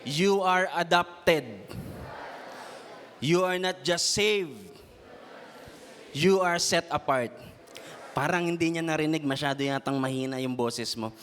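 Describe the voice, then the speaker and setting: A man preaching a Taglish sermon to a congregation, often tagging his lines with a questioning "no?" and slowing down to stress key phrases. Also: a little high, fairly bright tone, slight background noise. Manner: repeats a questioning "no?" tag; has the congregation repeat lines to their neighbor. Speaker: youth preacher.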